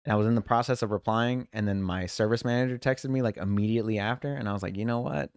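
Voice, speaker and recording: A man's voice: lowish voice, quick pace, a little mellow, smooth, no room sound, studio quality. A man co-hosting a podcast, telling long rambling stories about his work week in casual chat and quoting coworkers. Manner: rambling storyteller, mimics coworkers in quotes. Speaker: podcast co-host.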